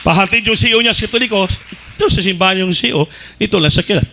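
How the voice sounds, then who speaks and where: Male preacher, fervent delivery, shouts at the peaks and then drops low, sharp and bright tone. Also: racing, slight background noise. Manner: mixes English phrases into his preaching. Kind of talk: sermon.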